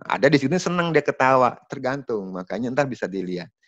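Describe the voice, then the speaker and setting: A man running an online sales training from home, explaining in a lively, chatty way and talking straight to the participants. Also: mid-range voice, a little fast. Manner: lively, chatty, addresses participants as Bapak Ibu. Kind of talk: online training talk over video call. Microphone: video call. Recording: dull, dry video-call audio.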